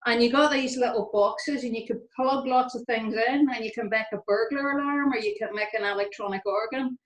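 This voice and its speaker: A Northern Irish woman in her fifties talks to students in a chatty, self-deprecating way, her voice pitched a little high. The video call picks up a roomy echo around her. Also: brisk. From Northern Ireland. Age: 50s. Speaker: engineer on a panel. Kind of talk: informal talk to students.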